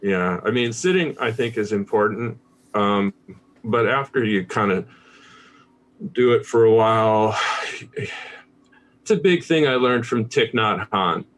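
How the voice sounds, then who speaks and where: This low-voiced American man talks slowly, leaving long pauses, and his tone is fairly bright. He's a laid-back, candid podcast guest in a casual conversational interview, swearing freely.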